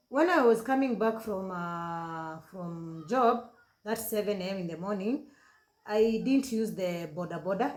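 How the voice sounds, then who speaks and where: A Kenyan woman in her thirties recounts a painful episode from her own life on her vlog. Her delivery is halting, full of repeats and self-corrections, with Swahili phrases mixed into her English. Her voice sits at a middle pitch and echoes in a roomy space. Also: darkish tone. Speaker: vlogger. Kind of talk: emotional personal storytelling.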